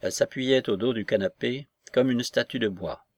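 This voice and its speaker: A man reading a novel aloud in an even, measured narration. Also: mid-range voice, no echo. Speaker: audiobook narrator. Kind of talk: scripted literary narration.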